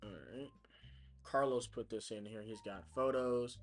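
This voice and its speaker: A man's voice: fairly low pitch, a little slow. A man live streaming his cold calls, chatty and full of fillers as he explains what he's doing. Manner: chatty, explains as he works, many fillers and restarts. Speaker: real estate caller livestreaming his work. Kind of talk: casual live stream talk. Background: music.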